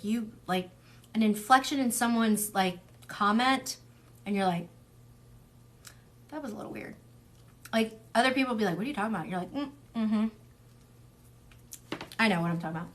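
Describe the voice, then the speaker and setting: A woman doing a relaxed tarot reading for an online audience. She talks loosely and rambles, stacking fillers and asides. Now and then she slips into quick mimicked voices for the people she is describing. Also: mid-range voice. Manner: chatty, rambling, frequent fillers and laughs. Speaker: tarot reader. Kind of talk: casual tarot reading livestream.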